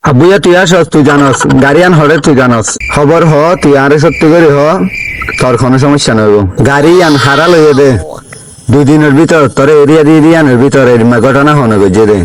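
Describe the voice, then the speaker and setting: A bossy local fixer, acted by a man in a homemade comedy skit, speaks in a Chittagonian Bengali accent. His voice sits fairly high and he talks quickly. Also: background noise, close to an everyday voice. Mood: bossy, pressing. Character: bossy local fixer men turn to for help. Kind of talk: amateur comedy skit acting in dialect.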